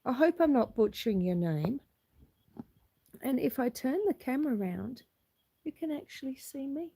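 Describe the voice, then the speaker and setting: Speaking through her phone camera outdoors, a middle-aged Australian woman casually greets live stream viewers from her homestead. Husky and hoarse from a cold, her high-pitched, dark-toned voice has lively intonation at a normal speed.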